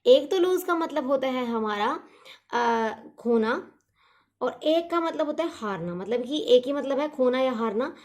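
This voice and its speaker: A woman teaching an English grammar lesson, asking herself questions and repeating key words in drills, drawing words out slowly when she spells them. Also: high voice, expressive, darkish tone. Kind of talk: explanatory lesson.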